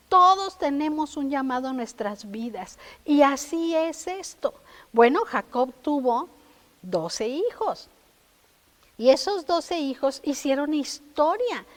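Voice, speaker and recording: A woman preaching a sermon. She tells stories and keeps asking her listeners questions. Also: high voice. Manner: storytelling, addresses listeners with questions.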